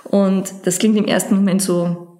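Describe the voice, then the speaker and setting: Woman, casual chat, hesitant wording, dark mellow tone, roomy echo. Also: mid-range voice, little pitch movement, normal speed. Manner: thoughtful, searching for words with many fillers. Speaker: podcast co-host presenting a book.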